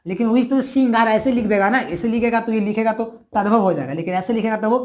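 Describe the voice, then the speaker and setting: A woman's voice: on the high side, fast talker, darkish tone. Woman teaching, repeating and quizzing. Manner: repeats words, keeps asking the viewer questions. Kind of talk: explaining a grammar lesson.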